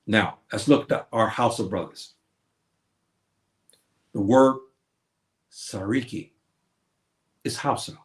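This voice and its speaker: This stream host speaks slowly and fairly low, pausing often, and his streaming mic picks up a reverberant space. He preaches about history, raising questions and then supplying the answers on his own.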